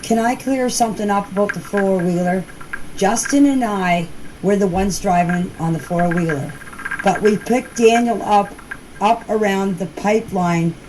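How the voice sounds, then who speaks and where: In noisy voice-message clips with ambient sound behind her, a woman with a medium-pitched voice talks a little slowly. She rambles casually through a personal story, using plain, folksy language.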